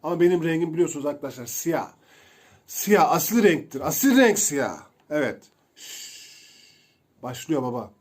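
A young man giving casual, excitable commentary while playing a video game, chatting to his viewers as he goes. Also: on the high side, normal speed, long pauses. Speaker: gameplay streamer.

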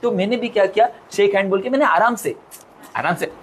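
A man's voice: high voice, a little fast, heavy background noise. A man telling a comic story to an audience, chatty and colloquial, mixing in English words.

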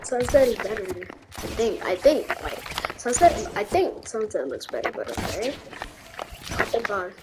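A woman's voice: medium pitch, huge pitch swings, normal speed, very noisy. A woman gamer chatting playfully during a match, often correcting herself. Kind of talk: casual gaming chat.

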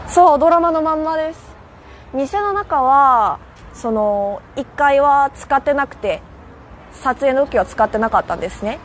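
Young korean woman live on a phone mic, kansai-tinged accent, highish voice, faint street noise. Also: expressive, measured pace. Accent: Korean, with a Kansai lilt. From South Korea. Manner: chatty, answering viewer comments. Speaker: livestream host. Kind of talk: casual live walking stream. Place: outdoor rooftop in a city.

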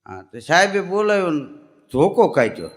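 A man's voice: high-pitched, sing-song, moderate pace. A man doing stand-up, telling jokes and acting out the characters' lines for a live audience. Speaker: stand-up comedian. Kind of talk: comic storytelling to a live audience. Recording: long hall reverb.

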